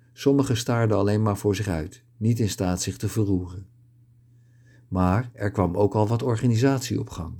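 Low mellow male storyteller. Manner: calm, steady storytelling. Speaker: narrator. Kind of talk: scripted story narration.

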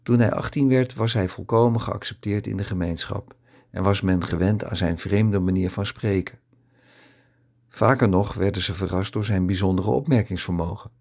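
Male audiobook narrator, deep and low, steady measured scripted reading. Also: gravelly.

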